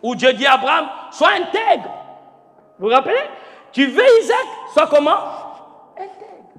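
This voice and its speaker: A man preaching a sermon as pastor, emphatic and swinging between shouted lines and near-quiet ones, asking the congregation questions and spelling out words. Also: very high voice, big pitch swings, measured pace. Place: large church hall. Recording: echoey church hall with faint music.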